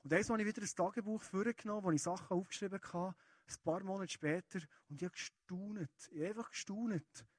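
Earnest Swiss German preacher. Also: male voice, high voice, brisk, no room sound. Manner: earnest and conversational, addressing listeners directly. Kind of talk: sermon.

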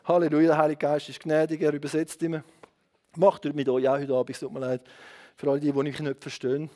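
A middle-aged man with a Swiss German accent preaching a lively sermon full of stories, swinging from muttered asides to shouting. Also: a little high, fast talker.

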